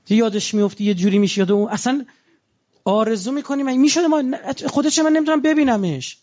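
A man's voice: extremely high pitch, darkish tone, highs cut off. A man preaching a religious sermon in a conversational way, asking his listeners rhetorical questions.

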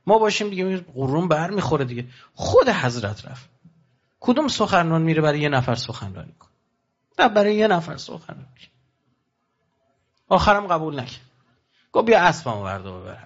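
A man preaching a passionate sermon to pilgrims, asking rhetorical questions and swinging his voice sharply up and down. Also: dull audio. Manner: impassioned, rhetorical questions, sudden rises and drops in pitch.

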